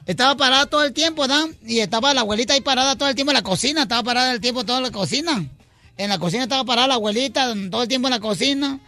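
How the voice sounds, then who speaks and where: A man's voice: very high voice, racing, pushed and bright. A man hosting a radio comedy show, telling jokes playfully and repeating lines for comic effect.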